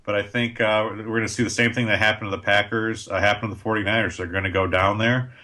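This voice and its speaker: Blunt bright-voiced man hosting a podcast. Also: on the low side, flat delivery, fast. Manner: blunt, opinionated. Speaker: podcast host. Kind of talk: casual sports podcast chat.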